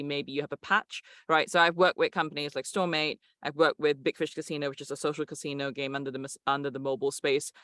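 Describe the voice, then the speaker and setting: Producer, articulate, dry close sound. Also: male voice, on the high side, pushed and bright, smooth, dry recording. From Malaysia. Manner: articulate, explanatory. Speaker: game producer. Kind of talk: interview answers.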